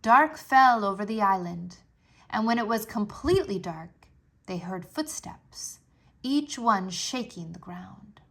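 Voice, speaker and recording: Slowly and in a mid-range voice, a woman narrates a children's history book with expressive storybook flair, speaking each word clearly and pressing on the dramatic ones.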